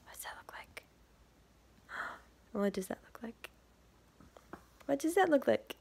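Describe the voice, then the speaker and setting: A woman reads a picture book aloud to small children the way a teacher would, full of expression, posing questions and slipping into hushed, breathy asides. Her voice is high with big swings in pitch, and she speaks slowly, in a whisper.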